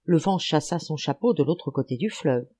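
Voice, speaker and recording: A woman's voice: low-pitched, normal speed, slightly rough. Woman reading a fairy tale aloud. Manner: animated, expressive reading. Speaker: audiobook reader. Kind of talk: storybook narration.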